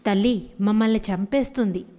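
A woman voicing a kind talking parrot who is really an enchanted girl, speaking gently and soothingly. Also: medium pitch, fairly quick, natural voice. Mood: hushed, kindly.

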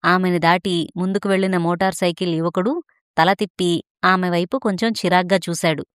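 A woman reading a story aloud in a steady, expressive narrating voice. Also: lowish voice, a little fast, smooth, no echo, clean studio sound.

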